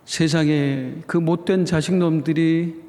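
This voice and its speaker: A middle-aged man preaching a sermon as pastor, with emphatic swings between high exclamations and soft pleading. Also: fairly even intonation, unhurried. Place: church sanctuary. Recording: long church reverb.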